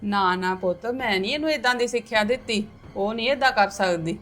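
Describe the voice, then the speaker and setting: A woman playing a mother who tries to calm her son-in-law, then scolds her daughter with emotion. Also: medium pitch, brisk, natural voice. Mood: pleading. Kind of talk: amateur family drama acting.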